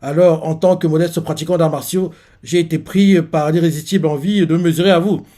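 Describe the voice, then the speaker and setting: A sly older man from a manga, talking his way out of trouble in a smooth, formal manner, as a man reads his lines. Near the reader's own register, slightly high. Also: steady tone, fairly quick, dark tone, natural voice.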